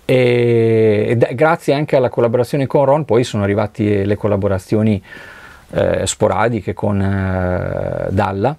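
A man's voice: lowish voice, lively intonation, a little slow, creaky, darkish tone, dry recording. A middle-aged man from Italy, a session drummer, talking reflectively in an interview and searching for words as he goes. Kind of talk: relaxed conversational interview. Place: recording studio.

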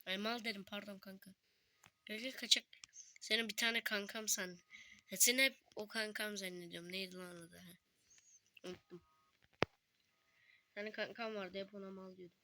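A woman's voice: medium pitch, fairly even intonation, moderate pace, pauses often, sharp tone, a little hiss or hum. A woman commenting casually on a game she plays with a friend, joking and swearing freely. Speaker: gaming video host.

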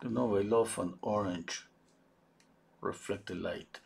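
A man's voice: lowish voice, steady tone, slow, gravelly, a little mellow. A man hosting a live oil-painting stream. He thinks aloud while he paints, answers viewers' chat, and often restarts his sentences. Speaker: painting livestream host.

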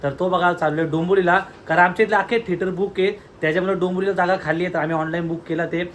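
Young guy vlogging, high bright voice, jokey and teasing. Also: fairly even intonation, racing, slight background noise. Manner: teasing, laughing banter. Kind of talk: casual vlog chat.

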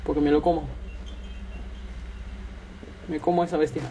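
A man's voice: fairly high pitch, flat delivery, normal speed, background noise. A man commentating a horror game, his voice trembling with fear as he mutters and yelps nervously. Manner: jittery, frightened exclamations and muttering. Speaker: gaming channel host.

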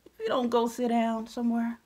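A woman delivering a fiery vlog rant, mocking her critics one moment and preaching scripture the next. Her voice sits on the higher side for a woman, and her tone is combative and sure of itself. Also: level tone, a little fast, warm tone, a little hiss or hum. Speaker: self-styled prophetess vlogger. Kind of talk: ranting commentary and scripture reading.

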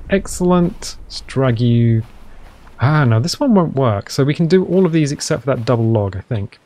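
A man with a smooth English accent giving chatty, playful let's play commentary as a gaming channel host, with self-mocking asides. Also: medium pitch, a little mellow.

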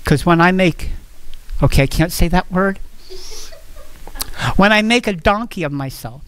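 A man's voice: sits high, expressive, a little slow, fairly bright tone, smooth. A man preaching a sermon at a church fellowship, earnest and repeating phrases as he goes.

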